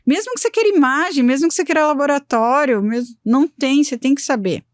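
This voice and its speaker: A Brazilian woman in her forties, a veterinary specialist guest, telling lively stories in a casual podcast chat and acting out her clients' replies. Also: high voice, quick pace, no echo, clean studio sound. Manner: lively storyteller who acts out clients' replies.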